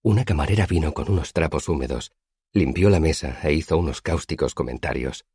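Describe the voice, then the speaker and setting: A man narrating an audiobook in a measured storytelling manner. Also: extremely low pitch, darkish tone, slightly rough, dry recording, clean studio sound.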